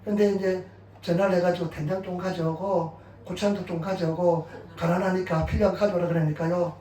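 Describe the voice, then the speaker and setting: A middle-aged man pastor giving a sermon with personal testimony, telling his stories in an animated way and chuckling along. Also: sits high, a little fast. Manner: animated storytelling, chuckling at his own anecdotes. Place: church sanctuary. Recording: echoey church hall, mic at a distance.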